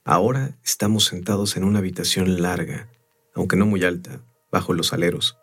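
A man narrating a story in the first person in a measured, unhurried way. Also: sits low, fairly bright tone, slightly rough. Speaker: audiobook narrator.

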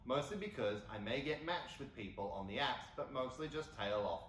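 Animated man reading in an echoey hall. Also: mid-range voice, normal speed, a little hiss or hum. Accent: Australian. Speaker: podcast panelist reading a listener question. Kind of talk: live panel banter, reading aloud. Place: convention panel stage before an audience. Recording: echoey hall, off-mic, faint ambience.

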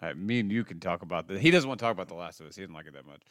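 A man's voice: sits low, very fast, dry recording, clean studio sound. A man co-hosting a podcast, chatting casually and joking with friends. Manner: joking, relaxed banter with laughs. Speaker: podcast co-host. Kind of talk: casual chat.

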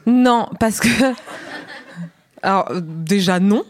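A woman's voice: mid-range voice, takes it slowly. A woman guesting in a casual chat, telling personal stories frankly and wryly. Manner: frank, wry storytelling.

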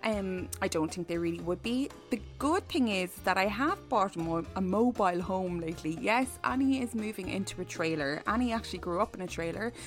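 A woman chats as a podcast co-host in a comic, self-mocking way. Her pitch is middling and her stories ramble loosely, with faint music underneath. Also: animated, a little fast, few pauses. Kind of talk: casual comic chat.

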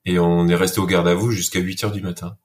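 Low-voiced man, earnest and halting. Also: flat delivery. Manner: earnest, many fillers and restarts. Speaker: guest, former soldier. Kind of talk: casual interview.

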